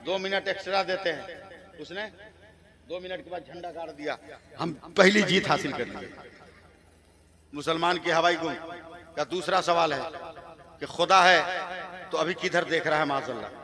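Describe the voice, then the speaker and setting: High-voiced preacher rousing a packed crowd. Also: male voice. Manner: dramatic storyteller, rousing the crowd to respond. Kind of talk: sermon storytelling at a religious gathering. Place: crowded religious conference stage. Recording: live crowd around a loudspeaker.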